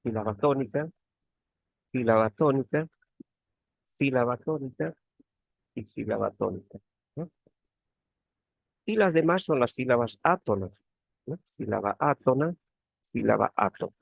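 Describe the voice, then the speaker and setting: Gravelly-voiced man teaching an online class. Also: medium pitch, animated, measured pace, pauses often, no echo. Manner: repeats key words, frequent tag questions. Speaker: teaching assistant. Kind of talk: online grammar tutorial. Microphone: computer mic on a video call.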